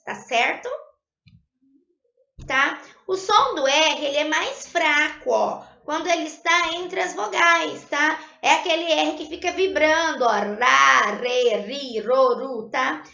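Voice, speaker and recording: A woman teacher with a high, bright voice and a gravelly edge, patiently walking students through spelling rules. She sounds out syllables slowly and clearly. The recording is lo-fi, with a roomy echo. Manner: patient, tags sentences with "tá?". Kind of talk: recorded Portuguese spelling lesson. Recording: lo-fi echoey room.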